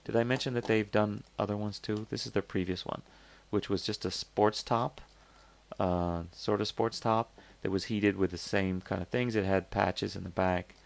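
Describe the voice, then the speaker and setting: A host reviewing crowdfunding products speaks in a lowish voice with fairly even intonation, a moderate pace and vocal fry. His casual review is skeptical and conversational, thinking aloud with lots of fillers and restarts.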